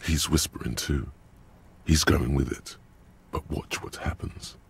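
A man voicing the stern inner narrator of a detective video game, speaking in a grave, measured, coaching way. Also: a bass voice, fairly even intonation, gravelly, a little hiss or hum, exaggerated voice. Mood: calm coaching.

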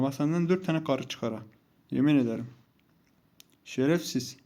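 A man's voice: mid-range voice, a little mellow. A young man commentating live over his mobile game, heated and mocking as he scolds his teammates. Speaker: gaming YouTuber.

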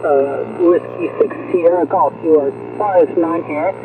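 A man's voice: a little high, a little slow, creaky. A man working as a ham radio operator, sending clipped procedural calls over a fading shortwave radio link. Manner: clipped, procedural call-and-response. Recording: noisy, tinny shortwave radio signal.

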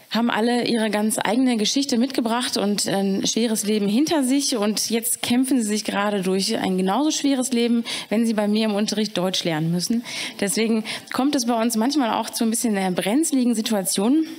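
A woman with a slightly high voice performs slam poetry, telling her story in a wry, conversational way. Her delivery is lively and casual. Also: normal speed.

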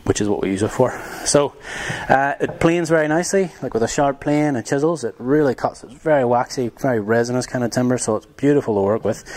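A young man walks through building materials in a workshop. His voice sits a little low, and he talks in a loose, casual way with plenty of ums. It sounds like an easygoing hands-on demonstration. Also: slight background noise. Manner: relaxed, rambling with many ums. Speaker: tiny house builder.

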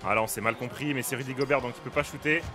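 A young man playing a basketball video game, giving excitable, casual commentary, often shouting at the action and laughing. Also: medium pitch, racing, over music. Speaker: gaming streamer.

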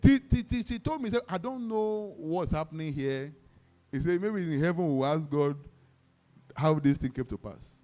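A man's voice: a little high, animated, normal speed. A man with a Nigerian accent, a pastor preaching a sermon, telling stories with acted-out dialogue and leading the congregation in call-and-response declarations. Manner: exclamatory, peppers talk with praise shouts; vivid storytelling, acts out dialogue.

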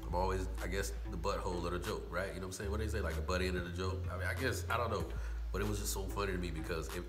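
A man's voice: low voice, echoey room. A man hosting an eating video, telling a laid-back, colloquial story and often repeating "you know what I'm saying". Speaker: mukbang host.

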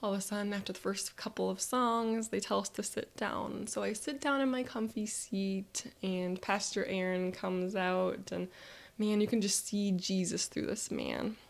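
A woman narrating a guided visualization in a soft, reflective way that often drops to a whisper. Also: mid-range voice, steady tone, normal speed, vocal fry.

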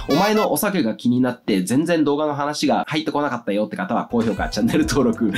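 A man in his thirties with a western Japanese dialect, explaining styling casually to camera in a folksy old-man way of speaking. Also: medium pitch. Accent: western Japanese, Okayama-Hiroshima style dialect. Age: 30s. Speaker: fashion video host and clothing seller. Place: small furnished room at home, indoors.

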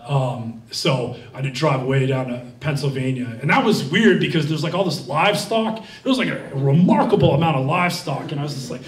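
Brisk and expressive with few pauses, this young man from Vermont has a voice on the high side. As the guest speaker in a library event room, he rambles through audience questions full of fillers and restarts, and his handheld mic is heard from far off with a roomy sound.

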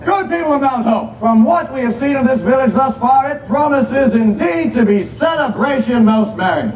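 High, pompous olde English fair king. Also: lively intonation, moderate pace, a little mellow. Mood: imperious. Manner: pompous, projected stage proclamation. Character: imperious, boisterous King Henry the Eighth of England. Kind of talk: theatrical Renaissance fair olde English speech. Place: outdoor wooden stage at a fair, far camera. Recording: distant, muffled, echoey outdoor stage, noisy.

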